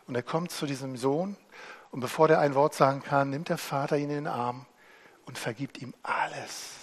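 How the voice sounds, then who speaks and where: A man preaching a sermon, swinging between hushed and loud as he retells scripture. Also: mid-range voice, fairly even intonation, normal speed.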